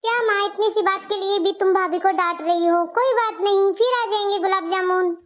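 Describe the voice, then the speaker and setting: A cheerful, breezy young woman home on a visit, as a woman voices her, reassuring and very high pitched. The recording is dull and lo-fi. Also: fairly even intonation, fairly quick. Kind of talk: cartoon story voice acting. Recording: dull lo-fi audio.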